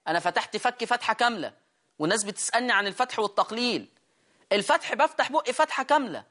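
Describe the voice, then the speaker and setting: An Egyptian man leads a recitation lesson. He keeps questioning his students, answering himself and repeating key words. He slows down to sound out each word. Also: high voice, sharp tone. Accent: Egyptian Arabic. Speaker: Quran recitation teacher. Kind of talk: lesson explaining recitation rules.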